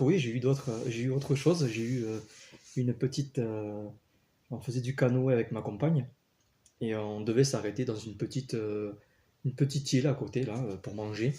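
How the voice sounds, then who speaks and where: A man's voice: medium pitch, steady tone, moderate pace, mellow. A man casually telling personal stories, earnest, with many fillers and restarts. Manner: earnest, storytelling. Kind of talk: casual spoken testimony.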